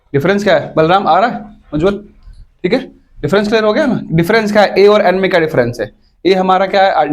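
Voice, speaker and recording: High-voiced male teacher, checking in often. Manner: keeps checking whether students follow, repeats points. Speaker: English teacher. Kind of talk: classroom grammar lesson. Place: classroom with students.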